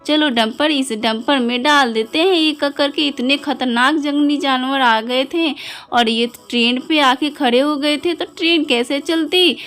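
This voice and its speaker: High-voiced woman narrating toy play. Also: a little slow, few pauses, fairly bright tone. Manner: exclaims in wonder, keeps asking "what's this?"; sing-song, sweet-talking to toys. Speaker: toy video narrator for children. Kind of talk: playful narration to children.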